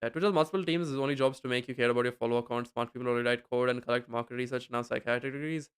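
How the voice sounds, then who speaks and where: Speaking into a desk mic at home, a young casual streamer rambles to his chat, leaning on filler words and dropping the occasional curse. His voice is smooth, clear and mid-pitched, and he races along with fairly even intonation.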